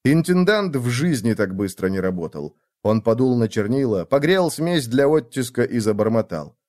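A man narrating a first-person fantasy story in an expressive, dramatic reading. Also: mid-range voice, moderate pace. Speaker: audiobook narrator.

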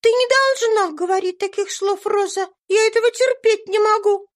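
A woman voicing a gentle but sometimes commanding little girl in a high childlike voice. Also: normal speed. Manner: high childlike voice, soft and pleading.

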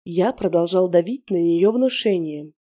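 A woman reading a first-person novel aloud, narrating in an even, measured way. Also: fairly low pitch. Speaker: audiobook narrator.

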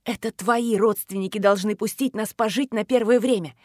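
A woman reading an audiobook voices a fierce, scornful teenage girl who hisses and shouts in sharp indignation. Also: mid-range voice, steady tone, normal speed, no room sound, clean studio sound, close to an everyday voice. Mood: bitter. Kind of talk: audiobook character voice.

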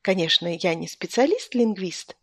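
An ingratiating male lodger, as a woman reader puts him on, a touch lower and softer than the narration. He flatters and titters. The sound is dry and close. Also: normal speed, husky, no room sound, exaggerated voice. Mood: giggly. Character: fawning middle-aged male lodger, giggly.

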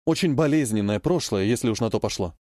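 A man's voice: mid-range voice, expressive, quick pace, darkish tone, dry recording, voice pushed down, natural voice. A man reading the lines of a cold, curt, proud woman in an audiobook, in a dry and clipped manner. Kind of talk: audiobook character voice.

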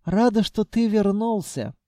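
A man voicing a commanding female spirit of a dark castle, speaking in an imperious, urging manner. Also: high-pitched, expressive, a little slow, dry recording, studio quality, pitched above the performer's own voice.

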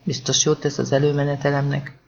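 A man's voice: medium pitch, completely flat delivery, vocal fry, a little mellow, lo-fi sound, natural voice. A man voicing a defensive, apologetic male county police sergeant who talks hesitantly, in an audiobook.

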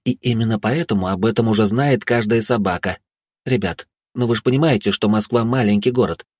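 An exasperated young woman head of students begs her friends to behave, voiced by a man reading a storybook. The voice sits higher than his own and pleads. The recording is dry and close. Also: fairly quick, darkish tone, no room sound, close to an everyday voice. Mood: pleading. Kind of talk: audiobook character voice.

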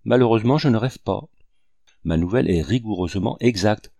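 Man doing jovial thirtyish general, urgent, low voice, dry sound. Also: brisk, creaky, mellow, dry recording. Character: jovial Creole male general in his thirties.

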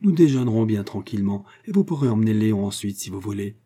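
A man's voice: lowish voice, animated, fast, dark tone, slightly rough. A man voicing a talkative, fussy elderly woman fruit-seller in an audiobook. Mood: insistent, fond. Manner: eager, talkative, effusive.

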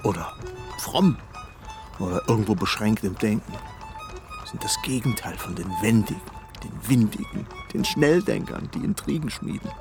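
An actor playing Goethe as an ageing, opinionated, self-important poet on a coach journey, musing and grumbling aloud in a Hessian accent in a radio drama. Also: male voice, lowish voice, lightly acted. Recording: music behind the voice.

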